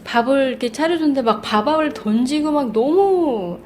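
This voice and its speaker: A woman in her thirties hosting a parenting radio show, telling a personal story about her child in a casual, lively way. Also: sits high, moderate pace, slight background noise. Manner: warm storytelling, lively retelling with acted quotes. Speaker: radio host and mother.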